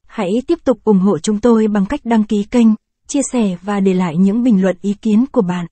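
A woman narrates a short story in a measured, even reading. Her voice is mellow and dark. The recording is dry and close to the mic. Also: mid-range voice, no room sound. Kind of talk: scripted narration.

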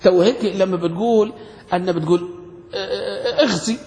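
High-voiced grammar teacher in echoey hall. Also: male voice, fairly quick, mellow, a little hiss or hum. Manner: quizzing students with frequent questions. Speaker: sheikh teaching Arabic grammar. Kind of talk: classroom grammar lesson.

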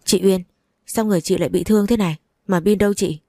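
Woman playing an anxious young girl, worried questions, low mellow tone, dry close sound. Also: moderate pace, no room sound, lightly acted. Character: worried younger sister figure, schoolgirl.

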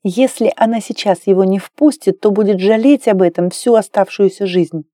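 A woman reading an audiobook in a measured, soft storytelling manner. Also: medium pitch, no echo, studio quality. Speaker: audiobook narrator. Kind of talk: scripted narration.

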